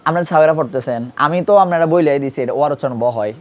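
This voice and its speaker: Speaking rapid-fire in a fairly high voice, a man runs an Urdu grammar class. He keeps his language colloquial and patiently drills pronunciation by questioning students over and over.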